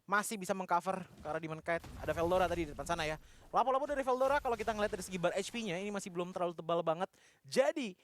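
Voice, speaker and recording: A man's voice: high-pitched, no room sound. A man with an Indonesian accent giving fluent, detailed esports commentary and explaining the state of play. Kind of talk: game commentary and analysis.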